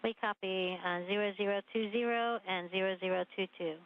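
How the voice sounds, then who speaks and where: A female capsule communicator in mission control briskly reading numbers back over a space-to-ground radio transmission. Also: mid-range voice, fairly even intonation. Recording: muffled distant radio link.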